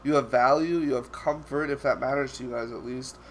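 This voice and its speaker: Young guy gamer, stuffy nose from a cold, rambly chill commentary, mid pitch, bit of faint hiss behind. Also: fairly even intonation, brisk. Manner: rambling, many fillers and restarts. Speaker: gaming YouTuber. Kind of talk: casual commentary over gameplay.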